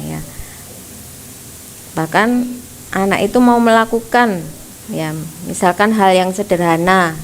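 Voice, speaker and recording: Slow-spoken woman preaching. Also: lowish voice, a little hiss or hum, rough recording. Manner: slow, gentle, tags nearly every phrase with "ya". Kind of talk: sermon at a prayer service. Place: church.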